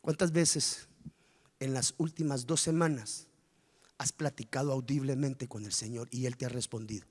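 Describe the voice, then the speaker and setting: A man preaching a sermon as pastor, animated and firing rhetorical questions at the congregation. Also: medium pitch, moderate pace, husky. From Guatemala. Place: church. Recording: reverberant church hall.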